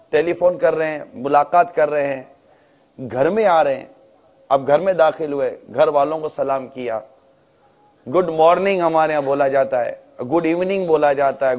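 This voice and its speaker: Higher-voiced man preaching in a mosque. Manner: asks the congregation rhetorical questions. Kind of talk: religious talk in a mosque. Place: mosque hall. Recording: dull, lo-fi recording.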